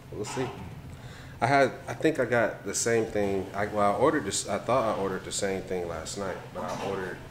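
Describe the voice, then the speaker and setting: An American vlogger with a deep voice chats casually to a handheld camera held at arm's length. His talk is laid-back and repetitive, and there's a noisy background.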